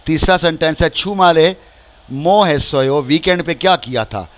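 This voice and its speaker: A man with a Pakistani accent teaching a language lesson, slowly repeating each word and then giving its translation. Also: a little high. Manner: slow and repetitive, stretching each word and repeating phrases with translations.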